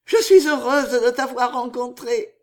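A woman's voice: high-pitched, very animated, a little slow, voice pushed up. A woman doing a bold, teasing young lover. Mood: playful. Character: playful young woman in love, bold and frank. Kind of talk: dramatized story reading.

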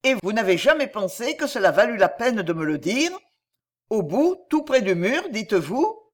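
A plucky young male mongoose gives orders crisply, brave and determined, as a woman puts him on. His voice stays close to an ordinary speaking tone but lively in its rise and fall. It is a storybook hero, quick to act. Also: medium pitch. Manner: brisk and determined.

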